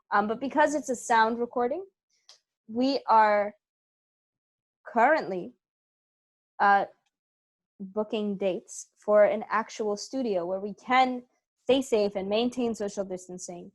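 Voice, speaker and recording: Appearing as an interview guest, a woman who co-founded a theater company talks casually about her creative work. Her voice sits on the high side and she speaks without hurry.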